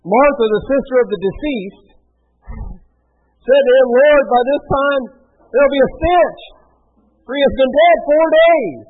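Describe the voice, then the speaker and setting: A man's voice: very high voice, lively intonation, measured pace, pauses often. A man preaching a sermon, reading scripture aloud and breaking in with folksy asides. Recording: tinny phone-like radio broadcast.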